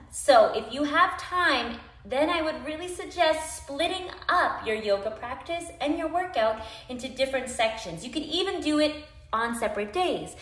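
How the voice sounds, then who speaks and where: A woman's voice: fairly high pitch, a bit bright. A woman yoga instructor giving tips in a casual, upbeat, chatty vlog, encouraging her viewers. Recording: echoey room.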